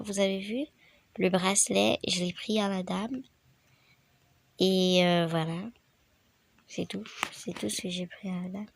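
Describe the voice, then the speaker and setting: A woman with a gravelly, fry-edged voice talks viewers through a game tutorial in a loose, rambling way. She has the flu, and it shows in her voice. Her pitch sits in the middle range. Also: slight background noise. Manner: chatty, rambling, addresses viewers directly. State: sick with the flu, voice affected. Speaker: gaming channel host. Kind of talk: casual game tutorial narration.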